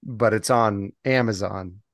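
A man's voice: on the low side, takes it slowly, dry recording. A man co-hosting a podcast in casual chat, rambling from topic to topic and laughing often. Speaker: podcast co-host.

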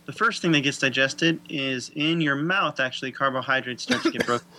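A man's voice: mid-range voice, brisk, bright, forceful tone. A man co-hosting a health talk, walking step by step through how digestion works in a casual, lightly joking way. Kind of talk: casual explanatory chat.

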